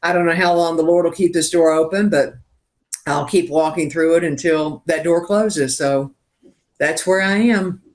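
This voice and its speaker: A man's voice: a little high, normal speed. An older songwriter from Richmond, Virginia, telling his story as a guest in an interview, acting out quoted dialogue and laughing at his own jokes. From Richmond, Virginia, USA.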